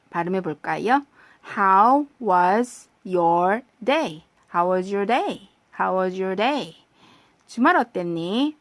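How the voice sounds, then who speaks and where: A woman teaching a slow English lesson, patiently repeating short phrases for practice. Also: mid-range voice, no echo.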